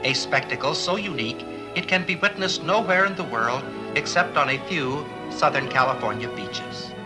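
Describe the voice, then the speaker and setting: Loud music sits behind a slightly high male voice speaking at a moderate pace, and the recording is rough. He is a film narrator giving earnest, explanatory scripted documentary narration, with frequent rhetorical questions.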